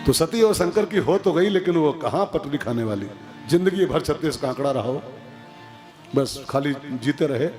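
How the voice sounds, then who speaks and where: A man giving a devotional storytelling sermon to an audience, lively and repetitive, asking rhetorical questions. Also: on the high side, moderate pace, over music. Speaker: kathavachak preacher.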